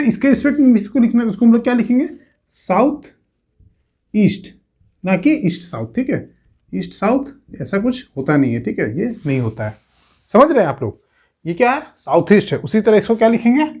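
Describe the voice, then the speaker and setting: A man's voice: high voice, very animated, brisk, mellow, breathy edge. A male coaching teacher explaining at a whiteboard, who keeps saying "theek hai" and puts rhetorical questions to his students. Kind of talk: exam coaching lesson.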